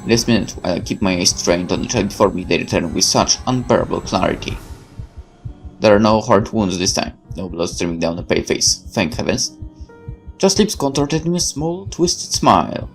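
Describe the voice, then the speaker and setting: Faint music sits behind a deep male voice with lively intonation, reading at normal speed. He is a gaming host narrating a visual novel's horror script in a theatrical, intense manner, occasionally stumbling over words.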